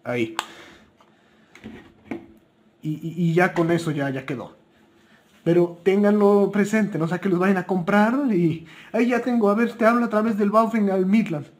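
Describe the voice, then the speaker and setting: Slightly slow and marked by long pauses, a high-voiced man with a Mexican Spanish accent talks informally about what to buy. The product chat is unscripted, and he revises his statements as he goes.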